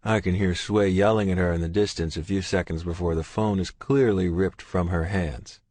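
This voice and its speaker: A man narrating a romance audiobook in the first person, in a gruff, intense, steady way. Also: sits low, moderate pace, no room sound.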